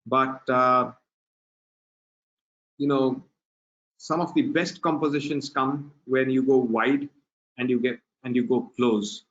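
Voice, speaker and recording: Over a video call, a man with a medium-pitched voice presents a wildlife photography webinar. He talks in a relaxed, unhurried way with many filler pauses, and the webinar audio sounds dull and lo-fi.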